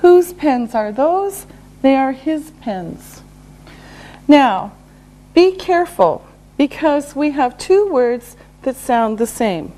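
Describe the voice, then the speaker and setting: A woman teaching basic English, speaking slowly and clearly and repeating each example sentence. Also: high-pitched, animated, mellow. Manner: very slow, over-enunciated, repeats each example. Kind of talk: slow, deliberate ESL lesson.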